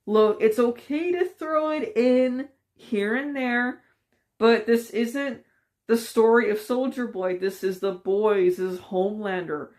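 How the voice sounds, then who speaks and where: A woman's voice: a little high, takes it slowly, darkish tone. A woman vlogger giving a casual, rambling opinion rant, frustrated and full of fillers.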